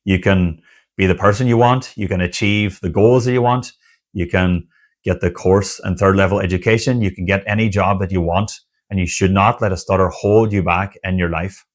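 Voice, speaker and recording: An online community founder and stuttering coach talks to camera in a motivational way, his low voice earnest, encouraging and steady in tone. He repeats list-like phrases, pausing between them as he urges viewers on.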